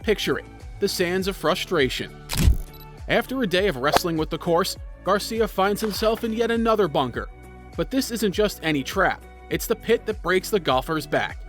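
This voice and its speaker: A man's voice: sits high, expressive, normal speed. A man delivering scripted video narration in a dramatic storytelling manner. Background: music.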